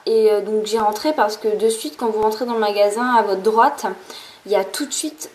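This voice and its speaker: A woman's voice: medium pitch, normal speed, a little mellow, rough recording. A young woman chatting through a beauty haul in a casual vlog, rambling with lots of fillers and restarts. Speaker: beauty vlogger.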